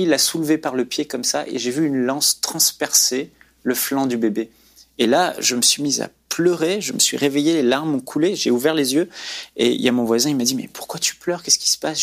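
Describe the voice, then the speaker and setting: A man's voice: mid-range voice, brisk, vocal fry. A man sharing a personal faith testimony in an earnest, preacherly storytelling way as a guest on a talk show.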